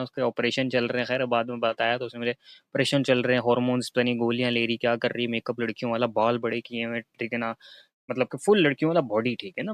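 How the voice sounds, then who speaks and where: Casually storytelling to the camera, a chatty young male vlogger from Karachi, Pakistan, keeps ending lines with the same check-in filler. He speaks at a medium pitch with no room sound in the recording.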